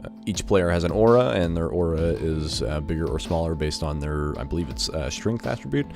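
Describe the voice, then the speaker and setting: Very deep-voiced man reviewing games casually. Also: expressive, brisk, vocal fry, a little mellow. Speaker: video game review host. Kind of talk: casual first-impressions game commentary. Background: music.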